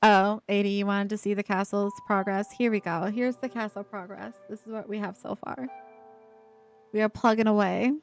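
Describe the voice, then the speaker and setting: A woman from Ohio speaks with a subtle Appalachian-tinged accent at a middle pitch, her slight speech impediment showing on some words. She chats playfully with viewers as she builds, teasing back and laughing easily. Faint music runs underneath her voice. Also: little pitch movement, normal speed. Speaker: streamer. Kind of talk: casual live-stream chat while building.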